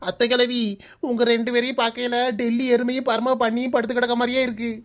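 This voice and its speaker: A woman's voice: fairly high pitch, monotone, fast, close to an everyday voice. A woman playing a cheeky mocking daughter-in-law. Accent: Kanyakumari Tamil. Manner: teasing, mocking, brash. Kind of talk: comic cartoon voice acting.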